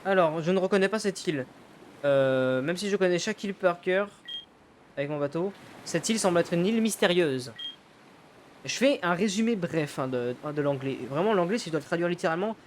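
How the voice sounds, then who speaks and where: A man's voice: high-pitched, a little hiss or hum. A man giving casual let's-play commentary, thinking aloud, swearing casually and loosely paraphrasing the game's dialogue. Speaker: gaming YouTuber.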